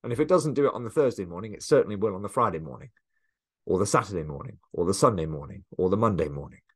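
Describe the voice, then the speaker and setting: A man's voice: on the low side, animated, fast talker. A man coaching listeners in a casual, earnest motivational monologue, with frequent fillers and restarts. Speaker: coach and podcast host.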